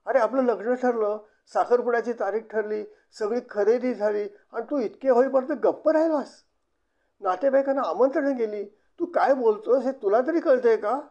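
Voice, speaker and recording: A man voicing a young woman engaged to be married, speaking in a raised, higher voice. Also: lively intonation, unhurried, darkish tone. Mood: upset. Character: young woman, earnest bride-to-be. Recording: dull lo-fi recording.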